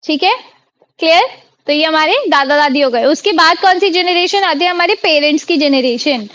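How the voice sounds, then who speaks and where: A woman's voice: high-pitched, normal speed, fairly bright tone, no echo. An Indian woman teaching a French class over a video call, quizzing her students and repeating each word. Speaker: online French tutor. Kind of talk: live online class teaching.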